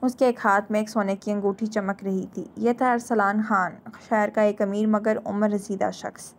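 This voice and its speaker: A woman's voice: medium pitch, level tone. A woman narrating a dramatic novel in an emotive storytelling manner. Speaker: novel reader.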